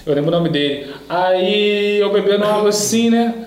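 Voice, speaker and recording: A man, speaking in a fairly high voice, tells stories in a casual podcast chat and laughs often. The room is very echoey, and a faint hiss sits under the voice. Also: moderate pace. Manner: animated storytelling, laughs often. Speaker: podcast host.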